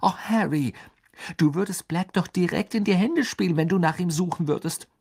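A man's voice: sits high, normal speed, vocal fry, darkish tone, husky, voice pushed up, full character voice. Man putting on a pleading teenage schoolgirl. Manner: pleading, urgent. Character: clever anxious teenage schoolgirl, bossy. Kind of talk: audiobook character voice.

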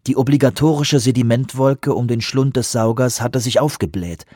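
A man narrating an audiobook in a measured, even way. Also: mid-range voice, breathy edge, no room sound, studio quality. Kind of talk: scripted narration.

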